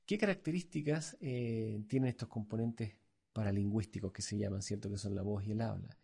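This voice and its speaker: A man with a Chilean accent lecturing as an instructor, halting and full of fillers and tag questions. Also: lowish voice, gravelly, dark tone, breathy edge. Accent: Chilean Spanish. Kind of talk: recorded lecture.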